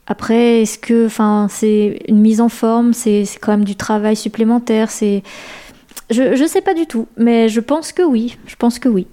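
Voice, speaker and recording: A woman's voice: a little high, fairly even intonation, unhurried, mellow. A young woman, a guest author on a radio show, answering questions hesitantly with frequent restarts and repeated words. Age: young adult.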